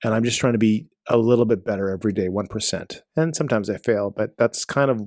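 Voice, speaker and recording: A man in his forties co-hosting a casual podcast chat, talking earnestly and haltingly with many restarts. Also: lowish voice, a little mellow, no room sound, clean studio sound. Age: 40s. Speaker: podcast co-host.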